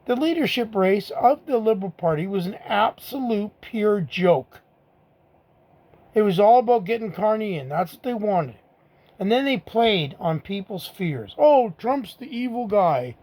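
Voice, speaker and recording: A man's voice: high voice, expressive, a little slow, darkish tone. A middle-aged man, giving a blunt, angry political rant to the camera, repeating his own rhetorical asides. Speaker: vlogger.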